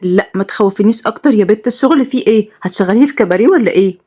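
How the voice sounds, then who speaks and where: Lady doing a jumpy dramatic young egyptian girl, raised voice, fast. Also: mid-range voice, dark tone, lightly acted. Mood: fretful. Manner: dramatic and fretful. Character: young woman on the run, anxious and dramatic.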